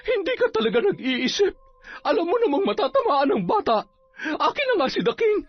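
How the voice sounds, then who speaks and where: Brief: fierce witch woman put on by a male narrator, shrill and tearful, high falsetto, lively swings, storybook horror. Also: fairly quick, no echo, lo-fi sound, faint music behind. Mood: angry. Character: woman, a fierce sorceress who dotes on a baby.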